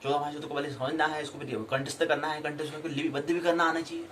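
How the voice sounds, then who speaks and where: A man teaching a Sanskrit grammar lesson, explaining and drilling sounds slowly and repeating them for practice. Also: on the high side, level tone, noisy background. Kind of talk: classroom lecture.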